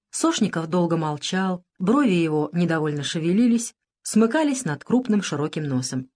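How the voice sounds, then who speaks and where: Woman calmly reading an audiobook. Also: on the low side. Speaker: narrator. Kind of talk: audiobook narration.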